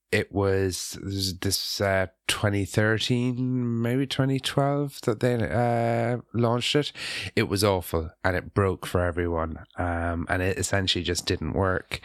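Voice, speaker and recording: A man's voice: on the low side, a bit bright, dry recording, clean studio sound. A man co-hosting a casual tech podcast about app development, talking in a hesitant way with many ums and restarts.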